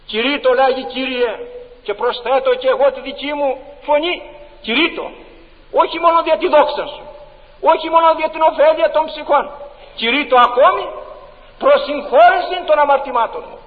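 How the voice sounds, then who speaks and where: A man preaching a sermon in a church, impassioned and emphatic, with many rhetorical questions. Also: very high voice. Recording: dull, long-reverb church recording.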